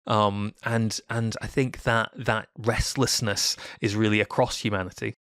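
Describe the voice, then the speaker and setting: A man's voice: lowish voice, flat delivery, unhurried, fairly bright tone, no room sound, studio quality. A man co-hosting a casual faith podcast, talking in an earnest, reflective way and laughing easily. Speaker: podcast co-host.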